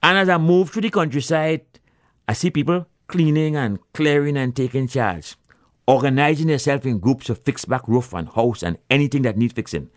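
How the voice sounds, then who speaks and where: A man from Grenada with a Grenadian accent, telling a humorous story in a folksy, animated manner with creole phrasing. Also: medium pitch, moderate pace, no echo, clean studio sound.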